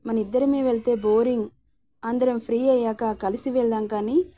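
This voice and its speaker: A woman's voice: fairly high pitch, fairly even intonation, normal speed, warm tone, close to an everyday voice. A woman voicing a playful young husband in a read-aloud story, speaking in a bantering, bossy yet affectionate way. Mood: teasing.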